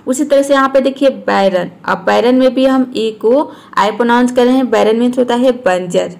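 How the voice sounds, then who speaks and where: A woman teacher explaining words and repeating each one slowly. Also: a little high, gravelly, darkish tone. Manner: slow, repeats each word to show how it is said. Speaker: English teacher. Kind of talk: explaining lesson.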